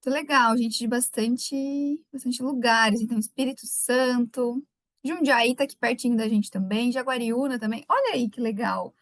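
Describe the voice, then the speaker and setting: This southern Brazilian webinar speaker, from Rio Grande do Sul, has a light Gaúcho accent and a high-leaning voice at normal speed, captured dry on a computer mic. Chatty and warm, she calls out to viewers by name during the live session.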